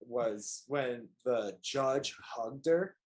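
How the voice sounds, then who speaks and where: A man co-hosting a casual podcast chat, telling stories with animated energy and playful put-on voices, recorded at home on a call. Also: mid-range voice, very slow. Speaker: podcast co-host.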